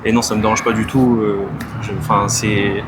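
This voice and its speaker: A man answering a street interview, halting and searching for words. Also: lowish voice, little pitch movement, background noise. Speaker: passerby.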